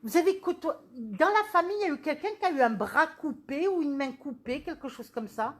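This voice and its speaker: A woman medium gives a live reading in a fairly high voice, speaking fairly quickly. She's animated and keeps asking questions, returning again and again to phrases like "on me le donne."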